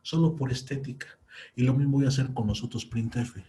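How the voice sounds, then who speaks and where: Young guy teaching c code step by step, warm low-key voice, faint hiss behind. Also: fairly even intonation, a little fast. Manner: patient, walks through each step aloud. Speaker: programming teacher. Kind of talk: screen-recorded coding tutorial.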